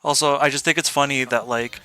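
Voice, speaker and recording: Chatty, giggly streamer host; bright voice. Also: mid-range voice, fairly even intonation, brisk. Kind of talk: casual stream chat.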